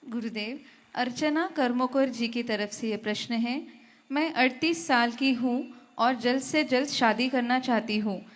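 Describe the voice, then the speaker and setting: High-voiced woman reading questions aloud. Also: measured pace. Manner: formal and respectful. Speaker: question reader.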